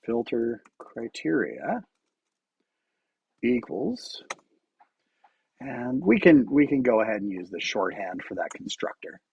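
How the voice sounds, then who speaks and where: A man's voice: medium pitch, huge pitch swings, slow pace, vocal fry, pauses often, a little mellow, husky, muffled recording. A man streaming his coding work, talking through it casually while typing, often restarting his sentences. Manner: thinks aloud while typing, with frequent restarts and fillers. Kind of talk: casual live-coding commentary.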